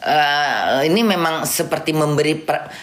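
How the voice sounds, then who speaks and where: A woman's voice: low voice, a little slow. A middle-aged woman giving indignant, casual commentary on a film as a vlogger at home, often restarting and repeating words. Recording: roomy echo, faint background noise.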